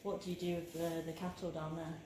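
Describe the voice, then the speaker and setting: An interviewer keeps the talk going with short, curious questions. The voice sits mid-range. Loud wind noise beats against the mic outdoors. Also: mid-range voice, flat delivery, quick pace. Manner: curious, brief prompting questions.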